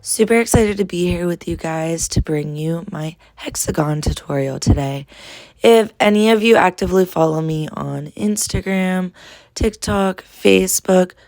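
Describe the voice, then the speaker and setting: A woman's voice: lowish voice, unhurried, darkish tone, dry recording. A woman with a nasal, stuffed-up voice from a cold, hosting a friendly step-by-step crochet tutorial. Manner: friendly, instructive, addresses viewers as friends.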